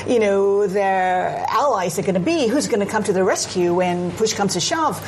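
A woman from Singapore speaking as a news analyst in a panel discussion, measured and explanatory, often adding "I mean". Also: medium pitch, lively intonation, a little hiss or hum. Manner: measured, frequent "I mean" asides.

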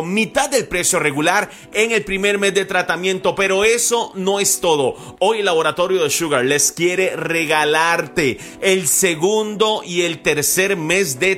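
High, bright, hyped infomercial host. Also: male voice. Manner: hyped, urgent, repeating the phone number. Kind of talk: hard-sell infomercial pitch.

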